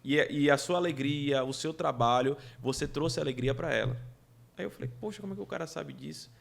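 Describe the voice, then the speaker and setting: A man as a podcast guest, telling lively anecdotes in casual chat and laughing through the funny parts. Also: on the high side, a little fast, vocal fry. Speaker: podcast guest, event producer.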